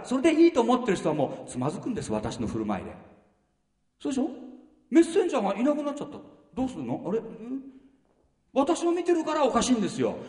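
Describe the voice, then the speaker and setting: A man's voice: sits high, a little mellow. A man preaching a sermon as pastor, bluntly firing rhetorical questions at the congregation. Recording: echoey hall, mic far off.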